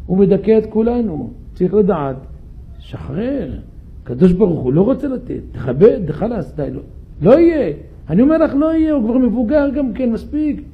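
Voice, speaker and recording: A man's voice: high voice, big pitch swings, gravelly, narrow, tinny audio, full character voice. A man voicing an exasperated middle-aged businessman who lectures a friend, in a sermon story. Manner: lecturing, pleading.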